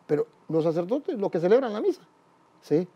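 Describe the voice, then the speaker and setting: A man's voice: high voice, very animated, brisk, breathy edge. A man, a priest, telling his life story in an interview, acting out the dialogue as he goes. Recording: dull, muffled sound.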